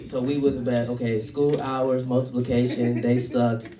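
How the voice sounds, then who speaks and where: A male stand-up comedian performing live, loud and playful, teasing the crowd. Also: medium pitch, level tone, a little slow. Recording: echoey live venue from a distance.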